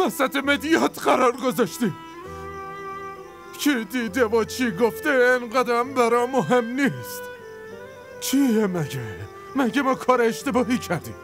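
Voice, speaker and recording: A man's voice: extremely high pitch, expressive. Drunk, heartbroken young man. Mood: bitter. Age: young adult. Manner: slurred, bitter, slow. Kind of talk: Persian dub of a TV drama. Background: music with violin.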